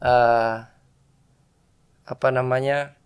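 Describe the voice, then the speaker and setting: A Vietnamese religious brother studying theology answers questions as a podcast guest in a casual interview, with a Vietnamese accent. His mid-range voice is smooth and level, with drawn-out words. He often searches for words in a language that isn't his native one.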